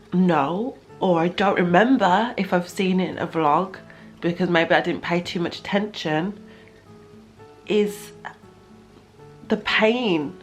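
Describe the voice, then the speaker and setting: A young woman talking candidly to camera in a casual vlog, emotional and chatty. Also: medium pitch. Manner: chatty, emotional and candid, close to tears at times. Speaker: vlogger.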